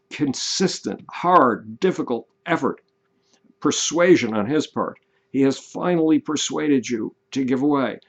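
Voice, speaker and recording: An older man giving an emphatic, deliberate monologue, stretching out the words he wants to stress. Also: mid-range voice. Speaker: commentator. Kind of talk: casual monologue to camera. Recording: dull lo-fi sound.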